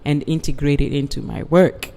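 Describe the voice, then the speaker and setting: A guest artist from the United Kingdom answering interview questions in a slow, measured, reflective way. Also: mid-range voice, gravelly, dark tone, slight background noise. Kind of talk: interview conversation. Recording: long reverb, hall-like.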